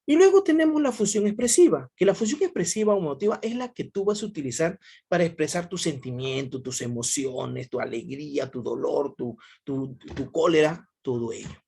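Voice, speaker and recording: A man's voice: a little high, animated, normal speed, creaky, warm tone, husky. A male teacher giving a class over a video call, repeating himself often and quizzing his students. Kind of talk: online class lecture.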